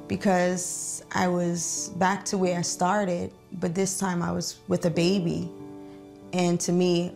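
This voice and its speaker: A woman telling her life story in an interview, speaking haltingly with many fillers and pauses. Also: on the low side, creaky. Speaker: interviewee sharing her testimony. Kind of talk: reflective testimony interview. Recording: soft music underneath.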